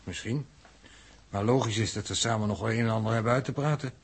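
An actor playing a steady, logical male radio operator in a radio drama, calm and dry in manner. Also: fairly low pitch, fast talker, husky. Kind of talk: vintage radio drama acting.

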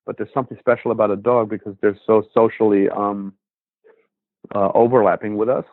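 A man's voice: lowish voice, little pitch movement, brisk, dry recording. Rambling man on a tinny phone line. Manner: rambling, many fillers. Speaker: dog trainer and podcast host. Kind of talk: casual podcast chat.

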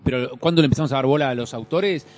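A man's voice: mid-range voice, a little mellow. A middle-aged Argentine man, a guest on a casual podcast, telling stories in a rambling way with restarts. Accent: Argentine Rioplatense. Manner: rapid, rambling storytelling with restarts.

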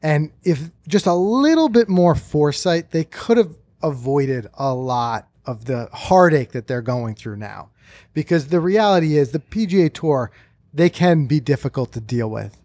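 An enthusiastic man hosting a podcast in a casual, conversational way. His voice sits a little high and sounds dry and close, with no room around it. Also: animated, measured pace, dark tone, no room sound. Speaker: podcast host. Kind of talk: casual podcast talk and ad reads.

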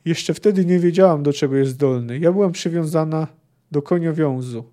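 Traumatized young woman, read by a man, hollow flat book quote, mellow tone. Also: on the high side, normal speed, lightly acted.

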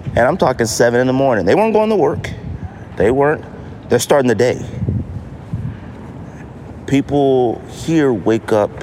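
A man from the United States with a medium-pitched, darkish voice hosts a podcast on his own, chatting casually and repeating phrases for emphasis. Noisy outdoor city ambience of traffic, street noise and banging runs behind him.

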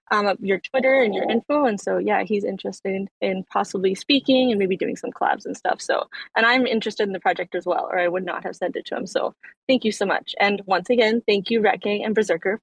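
A woman's voice: medium pitch, fairly quick, slightly rough, no room sound, low-quality recording. A woman from Canada calling in by phone while driving her car, polite and thankful as she asks a question. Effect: speaking by phone from a moving car. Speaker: caller on a live audio chat. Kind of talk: casual chat.

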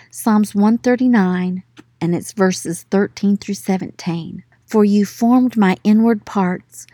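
Mellow-voiced woman giving devotional teaching. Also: mid-range voice, no room sound, clean studio sound. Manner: earnest, encouraging, slows for emphasis on verses. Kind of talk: devotional Bible teaching with scripture reading.

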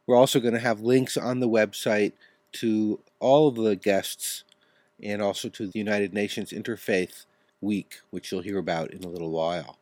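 A man's voice: fairly low pitch, steady tone, moderate pace, a little mellow, no echo. A man hosting a radio talk show, introducing guests and songs in a friendly way.

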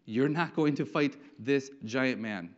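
A man's voice: medium pitch, takes it slowly, lightly acted. A preacher voicing a doubtful, patronizing old king. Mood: patronizing caution. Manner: patronizing, cautioning. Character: doubtful king Saul, older man, cautious. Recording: dull lo-fi sound.

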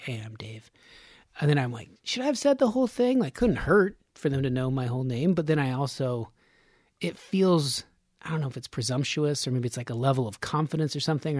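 A man's voice: mid-range voice, darkish tone, no room sound. A man hosting a podcast in a studio, talking in a casual, rambling way and laughing often. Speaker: podcast host.

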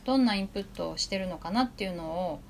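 A woman's voice: mid-range voice, a little hiss or hum. A woman hosting a podcast, chatting casually with a guest and agreeing often. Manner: chatty, quick, frequent agreeing interjections. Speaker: podcast host.

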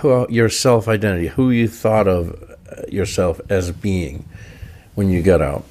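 A man's voice: low voice, a little slow, darkish tone. A man co-hosting a recovery talk show, joking and asking probing questions in casual chat. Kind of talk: casual conversation.

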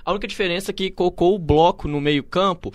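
A Brazilian man analysing a football match live, talking very quickly in a colloquial, punchy way. His voice sits a little high and the sound is dry. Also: dry recording.

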